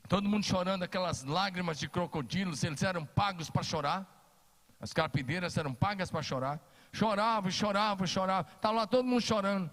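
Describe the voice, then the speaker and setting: A man's voice: sits high, fairly quick, fairly bright tone, long reverb tail. A Brazilian man preaching a sermon as pastor, emphatic and repeating his key phrases. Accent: Brazilian Portuguese. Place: church hall.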